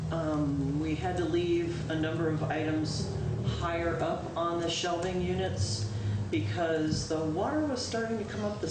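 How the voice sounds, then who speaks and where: Speaking to the town board in a meeting room, a female town clerk delivers an informal report in a loud, deep voice, chatty and full of "um" pauses and self-corrections. The local-access recording, captured by a distant room mic, sounds echoey, far off, and noisy.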